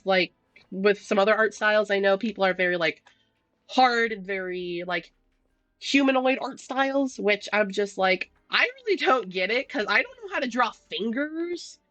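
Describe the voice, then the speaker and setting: A woman's voice: on the high side, expressive, unhurried, fairly bright tone, no echo, faint music behind. A young woman streaming a game, telling stories in casual rambling chat with lots of fillers and restarts. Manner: chatty storytelling, many fillers and restarts, laughs often.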